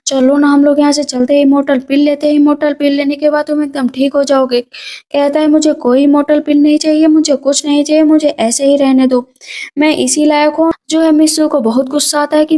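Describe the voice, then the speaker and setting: A woman narrating a drama's plot in a quick, lively retelling, slipping characters' lines into her narration. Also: high-pitched. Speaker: movie recap narrator. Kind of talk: storytelling plot recap.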